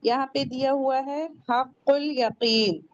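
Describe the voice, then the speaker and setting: A woman teaching recitation, speaking slowly and patiently in a fairly high voice. She explains each rule step by step, asks questions and answers them herself, and draws out the Arabic words with care. The recording is dry and a little dull. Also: fairly even intonation, no room sound. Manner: slows down to pronounce Arabic words carefully. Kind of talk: tajweed lesson.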